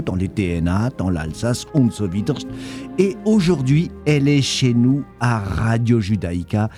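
A radio host with an Alsatian accent and a mellow, warm voice, speaking into a studio microphone. He talks in an effusive, chatty way and mixes German words into his French. His voice sits at a middle pitch. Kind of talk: radio interview.

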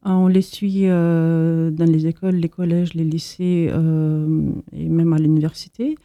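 A woman's voice: deep voice, little pitch movement, a little slow, dark tone, no room sound. A woman from Moldova, the founder of an association, answering interview questions hesitantly with many fillers and restarts.

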